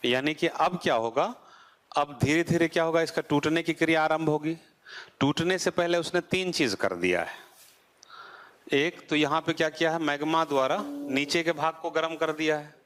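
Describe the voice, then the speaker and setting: A man's voice: on the high side, normal speed, fairly bright tone. Male teacher lecturing with rhetorical questions. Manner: asks the class rhetorical questions, then answers them. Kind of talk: classroom geography lecture.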